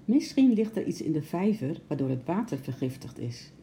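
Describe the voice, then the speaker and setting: Woman doing a calm zoo doctor, quiet, measured, low and dark. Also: slight background noise. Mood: grave.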